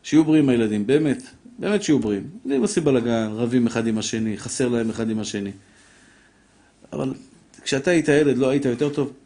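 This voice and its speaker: A middle-aged man giving a lively Torah lesson, acting out voices in his stories and addressing his listeners fondly. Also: mid-range voice. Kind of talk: lively sermon with anecdotes.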